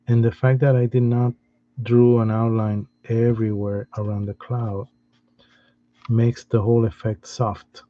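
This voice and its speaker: A man giving a step-by-step drawing lesson in a patient, soft-spoken way, often restarting his sentences. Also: on the low side, lo-fi sound. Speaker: art teacher.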